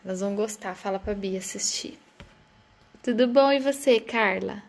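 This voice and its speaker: A woman's voice: medium pitch, normal speed, vocal fry. A woman hosting a casual live stream, chatting and greeting viewers by name as they join. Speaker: live stream host, therapist.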